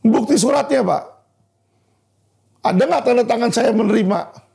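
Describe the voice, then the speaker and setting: Heated gravelly lawyer. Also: male voice, extremely high pitch, moderate pace, mellow. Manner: heated, repeatedly addressing "Pak" directly. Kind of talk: impassioned legal commentary video.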